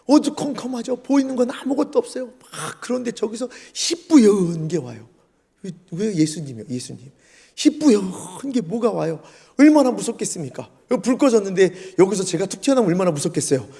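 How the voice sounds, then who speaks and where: A man's voice: high voice, fast talker, breathy edge. A male pastor preaching a sermon in a church, telling the story vividly and acting out the scenes. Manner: lively storytelling, acts out scenes. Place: church sanctuary. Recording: long church hall reverb.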